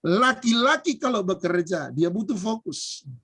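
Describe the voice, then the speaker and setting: A man's voice: high-pitched, lively intonation, unhurried, pushed and bright, slightly rough. A man preaching a humorous sermon as a pastor, joking and repeating phrases for emphasis.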